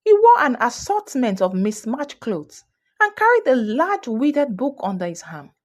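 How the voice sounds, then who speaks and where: Woman, folktale narration, animated lively pitch, slightly high voice. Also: moderate pace. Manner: expressive, voices each character. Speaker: storyteller. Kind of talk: storybook narration.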